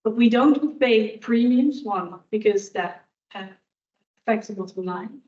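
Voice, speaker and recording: A woman's voice: on the high side, a little slow, a little mellow. A woman guest speaker answering audience questions in a candid, reflective way. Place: university lecture hall. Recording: echoey hall, distant dull room mic.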